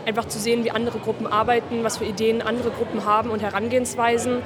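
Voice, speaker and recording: A young woman answering interview questions in a steady, composed way. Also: fairly high pitch, fast, background noise. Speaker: festival participant. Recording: crowd chatter at a busy event.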